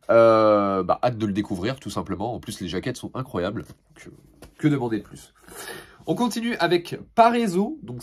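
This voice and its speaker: A young man casually reviewing his latest manga purchases in a relaxed, chatty way, with many fillers and restarts and laughs between remarks. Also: mid-range voice.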